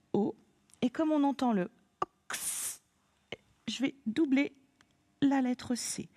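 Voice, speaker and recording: A woman's voice: fairly high pitch, darkish tone, no room sound. A woman teacher giving a remote lesson to young pupils, patient and encouraging, spelling words out letter by letter. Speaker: primary school teacher.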